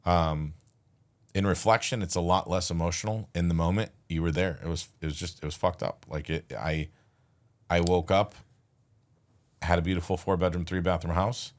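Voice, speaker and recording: A man with a very low voice, talking as a podcast guest. He tells his story loosely, with restarts and quoted back-and-forth. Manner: relaxed, halting retelling with restarts and quoted dialogue. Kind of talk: casual storytelling.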